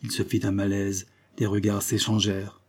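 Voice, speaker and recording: Low, dark, husky male narrator. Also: completely flat delivery, normal speed. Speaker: audiobook narrator. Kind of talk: scripted narration.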